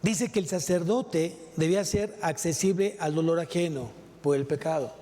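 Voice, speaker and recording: A man's voice: a little high, moderate pace, dark tone. A male pastor with a Mexican Spanish accent preaching a sermon, asking rhetorical questions and repeating key phrases. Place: large church hall. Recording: long hall reverb.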